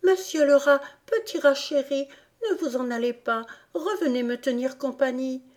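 A woman's voice: a little high, a little slow, a little mellow, voice pushed up, close to an everyday voice. A woman reading an audiobook, voicing a polite, eager young girl in a raised, sweet voice. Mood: pleading.

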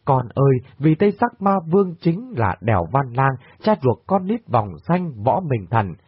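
A heartbroken older mother, choking on her words as she pours out a painful confession, as a man reads her part. Her voice is husky and swings widely in pitch. The sound is dry and tinny, like a phone line. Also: very animated, normal speed, dry recording. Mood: grieving. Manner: sobbing, choked lament. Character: grief-stricken older woman, a mother.

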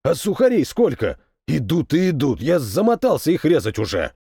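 A man voicing a rough male soldier who talks in a coarse, blunt and weary way, for an audiobook. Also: on the high side, huge pitch swings, normal speed, mellow, dry recording, clean studio sound, exaggerated voice. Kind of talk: audiobook character voice.

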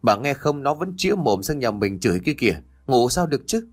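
A man's voice: mid-range voice, very animated, a little fast. A man playing a tired, hot-tempered village fisherman who snaps bluntly at a noisy neighbor, over faint background music. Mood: angry. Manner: angry, blunt retorts.

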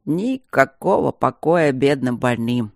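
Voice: medium pitch, expressive, creaky, no room sound, clean studio sound. A narrator voicing a capricious, ironic young aristocrat patient in an audiobook. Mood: wheedling. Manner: slow, wheedling, ironic. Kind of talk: audiobook character reading.

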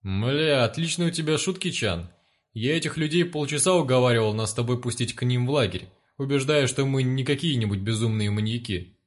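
A man's voice: medium pitch, fairly quick, lightly acted. A man doing a weary, exasperated captain.

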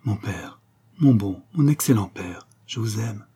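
A man's voice: on the low side, expressive, unhurried, mellow, husky, full character voice. A man reading aloud, voicing a proud and indignant young noblewoman in a storybook. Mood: tender. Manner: haughty, cold.

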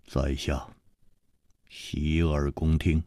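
A calm, clever gentleman hero with a wry ease, as a male storyteller gives him voice. He speaks low and quiet, never raising his voice. The sound is close and dry. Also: very slow, dry recording, exaggerated voice.

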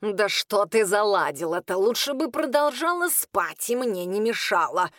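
A woman voicing a grumpy, sarcastic talking cat familiar in an audiobook, with a lower, slow snorting delivery. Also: sing-song, a bit bright, no echo, clean studio sound. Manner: snorting, sardonic.

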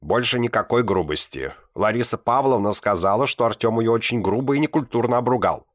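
A man's voice: medium pitch, a little fast, no room sound, pitched above the performer's own voice, natural voice. Man doing a pompous old headmaster, droning, dry mic. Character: pompous older male school director. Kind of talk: audiobook reading.

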